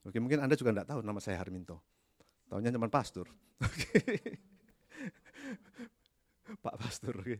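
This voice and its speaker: A man's voice: mid-range voice, animated, normal speed, pauses often, no echo. A man preaching as a pastor, emphatic and repeating key phrases, with hesitant fillers between them. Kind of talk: sermon.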